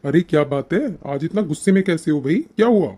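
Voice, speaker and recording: Supportive young cartoon husband, rapid and eager, as a performer voices him. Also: medium pitch, mellow, lightly acted. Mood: concerned. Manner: fast, eager, reassuring. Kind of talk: cartoon voice acting.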